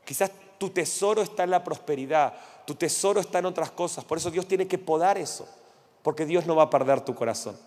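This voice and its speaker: A middle-aged Argentine pastor with a Rioplatense accent, preaching passionately and acting out stories. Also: male voice, on the high side, a little fast, a little mellow. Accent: Rioplatense Spanish. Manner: passionate, acts out voices in stories. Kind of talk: sermon with personal anecdotes. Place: church hall. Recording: church hall with long reverb.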